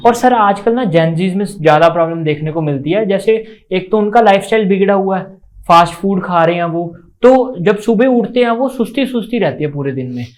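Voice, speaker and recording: A man's voice: high-pitched, animated, a little fast. A man interviewing a doctor, asking polite, deferential questions.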